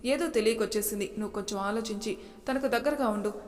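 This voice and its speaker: A woman narrator voicing a calm, concerned man who gently advises his friend. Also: mid-range voice, quick pace, long reverb tail, close to an everyday voice. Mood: advising.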